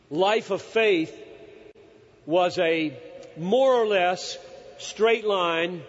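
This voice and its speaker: Earnest older man preaching in a hall. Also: sits high. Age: 60s. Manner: earnest, emphatic, stops to search for words. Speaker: pastor. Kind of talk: sermon. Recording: dull hall recording with long reverb.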